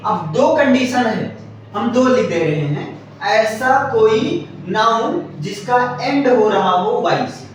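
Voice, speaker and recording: A man's voice: extremely high pitch, lively intonation, slow, slight background noise. A male teacher giving a classroom grammar lesson, repeating his points, spelling words out letter by letter and often checking that students understand. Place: classroom with students answering together. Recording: very echoey classroom from far off.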